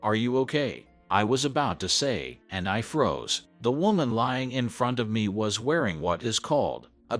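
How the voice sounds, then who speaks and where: Low-voiced man narrating a story. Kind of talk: scripted first-person story narration. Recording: soft background music.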